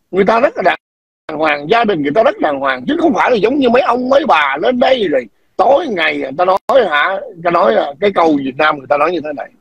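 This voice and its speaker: A man hosting a livestream, ranting and scolding his viewers in a combative tone, often clearing his throat and demanding whether they understand. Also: sits high, big pitch swings, quick pace, fairly bright tone, dry recording. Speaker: livestream host.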